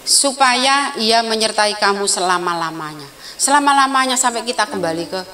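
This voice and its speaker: A woman's voice: on the high side, lively intonation, normal speed, pushed and bright, faint music behind, rough recording. A woman evangelist preaching at a prayer service, earnest and storytelling, sharing her own testimony. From Indonesia.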